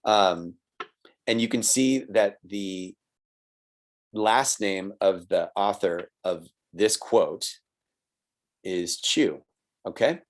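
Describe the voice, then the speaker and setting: Speaking extremely slowly with frequent pauses, a man with a fairly low pitch gives a recorded online college writing lesson. He's patient and explanatory, adds little laughs, and checks in with "right?" and "okay?"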